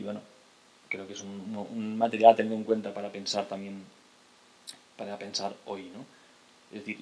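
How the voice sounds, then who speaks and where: A man's voice: fairly low pitch, a little hiss or hum. A man, lecturing from a table in a lecture hall, hesitant, with restarts and tag questions. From Spain. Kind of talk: lecture to an audience. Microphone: table mic on a stand.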